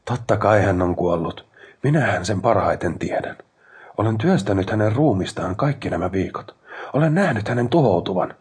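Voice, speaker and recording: A man's voice: on the low side, breathy edge. A man voicing a grief-crazed male inventor in an audiobook, talking in frantic, strained, raised outbursts. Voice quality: strained, tense voice. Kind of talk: dramatic audiobook reading.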